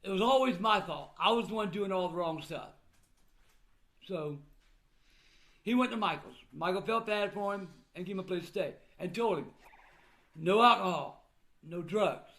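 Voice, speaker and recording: Old man, high-pitched for a male, blunt grandfatherly delivery, informal personal vlog talk. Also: moderate pace, long pauses, a bit bright. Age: older. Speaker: vlogger recounting family troubles. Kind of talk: casual personal talk to viewers.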